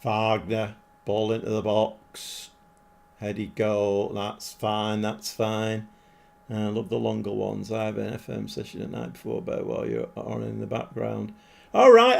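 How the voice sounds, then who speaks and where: A man with a lowish, gravelly voice live-streams a football management game, chatting casually with viewers. He's self-deprecating and quick to get excited.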